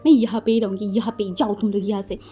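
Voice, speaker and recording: A woman voicing a hot-tempered young man in a fan-fiction story who shouts and stammers threats at his friends. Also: mid-range voice, steady tone, quick pace, breathy edge, soft background music, lightly acted. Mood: furious.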